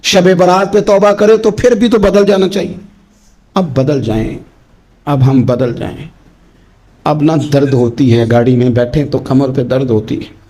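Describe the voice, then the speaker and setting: A middle-aged male preacher giving a sermon in pleading, repetitive refrains, his voice climbing high in rhetorical runs and dropping low and soft. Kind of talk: Urdu sermon.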